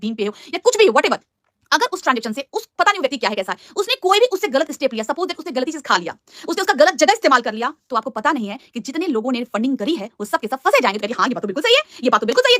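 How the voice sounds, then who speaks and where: Fast, angry woman ranting on a live stream. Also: high-pitched, fairly bright tone, dry recording, studio quality. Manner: fast, angry and scolding, with much mocking. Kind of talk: heated live-stream rant.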